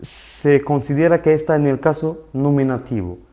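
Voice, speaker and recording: A man teaching a live online lesson in Spanish, explaining slowly and patiently and often checking that his students follow. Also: a little high, dark tone. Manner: slow, patient explaining with frequent "¿vale?" checks. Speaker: Arabic teacher.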